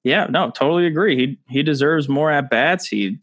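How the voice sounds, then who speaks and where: Man, casual podcast co-host, relaxed baseball talk, restarts his phrases often. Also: a little high, normal speed. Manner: relaxed, chatty, frequent restarts. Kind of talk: casual sports podcast chat.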